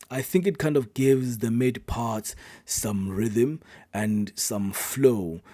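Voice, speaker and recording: Mellow man analyzing poetry. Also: lowish voice, dry recording. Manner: thoughtful, analytical, trails off quietly at ends of thoughts. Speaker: poet reacting to a poem. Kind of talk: reaction commentary.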